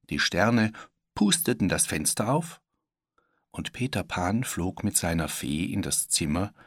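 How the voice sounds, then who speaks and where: A man reads a children's story aloud in a lower voice that rises and falls a great deal. His telling is gentle and lively. The recording is close and dry. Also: breathy edge, dry recording. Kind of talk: scripted narration of a children's story.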